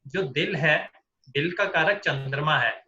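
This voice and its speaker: A man's voice: a little high, slow pace, sharp tone, roomy sound, lo-fi sound. A man teaching an online astrology class in Hindi-speaking style, explaining through everyday examples. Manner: explains with everyday examples, acts out quoted people.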